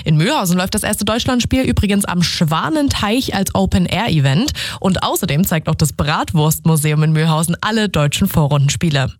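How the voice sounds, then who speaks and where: Upbeat woman radio presenter, lively pitch. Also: no echo, clean studio sound. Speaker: radio news host. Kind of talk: scripted regional radio presenting. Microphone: studio microphone.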